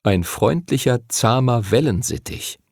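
A man reading a children's fantasy novel aloud as an expressive audiobook narrator. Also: mid-range voice, measured pace, no room sound, studio quality. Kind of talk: scripted narration.

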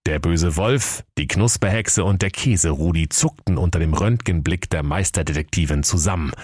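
A man's voice: deep voice, no room sound. A man narrating a comic fairy tale in a dry, playful storytelling manner.

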